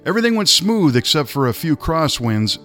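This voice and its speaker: A man's voice: on the high side, sing-song, a little fast, a bit bright, soft background music, voice pushed up. A man voicing an elated speed racer. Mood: confident. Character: jubilant adult male land-speed racer.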